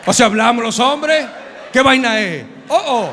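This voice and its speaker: A man pastor preaching with humor, telling stories in an animated way and sometimes shouting. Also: extremely high pitch, a little slow, a faint crowd. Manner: animated storytelling, bursts of shouting. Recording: reverberant hall, faint noise.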